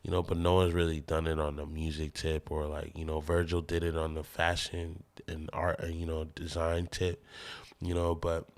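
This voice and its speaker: A man's voice: very deep voice, completely flat delivery, normal speed. A man from the American Midwest, a musician guest talking in a loose, rambling, laid-back way on a casual podcast.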